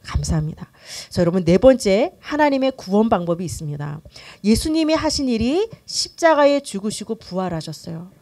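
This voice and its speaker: A middle-aged woman pastor teaching a church class in a lively, conversational way, often acting out quoted voices and using many fillers. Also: a little high, a little fast, hardly any pauses.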